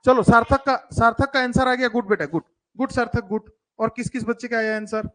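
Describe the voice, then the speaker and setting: A man's voice: extremely high pitch, fairly quick. Coaxing male math teacher on a call. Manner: coaxing and teasing, calls pupils "beta", mixes English terms. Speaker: coaching teacher for school entrance exams. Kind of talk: live online math class with children.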